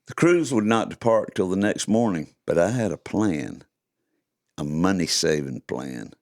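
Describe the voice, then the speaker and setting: A man's voice: low-pitched, big pitch swings, measured pace, a little mellow. An older man, hosting a podcast and reading his own stories in a folksy, chuckling way. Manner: folksy, chuckling, playful delivery. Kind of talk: casual chat and storytelling read-aloud.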